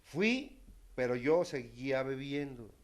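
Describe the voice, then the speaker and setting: A man telling his recovery story to a group, candid and self-mocking, his loudness rising and falling sharply. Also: medium pitch, lively intonation, slow pace. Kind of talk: testimonial talk to a group.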